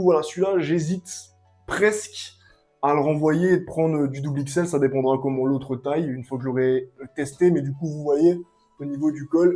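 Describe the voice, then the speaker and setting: A young man giving a casual, excitable clothing review at home, full of slang and hype. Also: on the high side. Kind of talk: casual product review vlog. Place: at home, sitting and standing up to show clothes.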